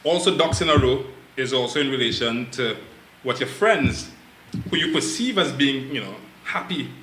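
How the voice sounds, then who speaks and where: A man's voice: mid-range voice, lively intonation, moderate pace, a bit bright, echoey room, slight background noise, low-quality recording. A man guest on a podcast, joking with frequent "you know" and hesitant restarts. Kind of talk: casual chat.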